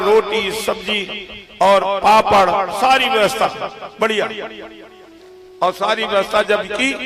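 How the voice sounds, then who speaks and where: High-voiced male folk storyteller. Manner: lively, conversational, addresses listeners.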